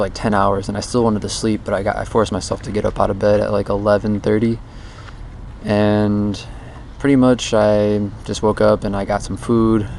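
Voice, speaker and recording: A man's voice: fairly low pitch, creaky, a little mellow. A man giving a rambling, introspective audio diary in a casual way, captured as a dictaphone recording outdoors. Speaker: vlogger recording a daily challenge diary. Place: outdoors under a bridge. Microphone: handheld voice recorder. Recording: outdoor voice recorder with background noise.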